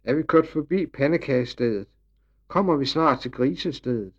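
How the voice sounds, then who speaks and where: A man's voice: medium pitch, lo-fi sound, voice pushed up, lightly acted. A man voicing a cheeky, curious little farm boy.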